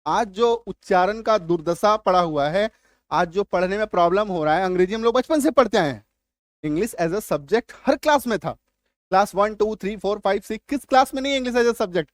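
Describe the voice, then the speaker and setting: A man teaching an English reading lesson in a classroom style, slowly drilling pronunciation and often asking if it is clear. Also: high voice, no room sound. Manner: keeps checking understanding with questions.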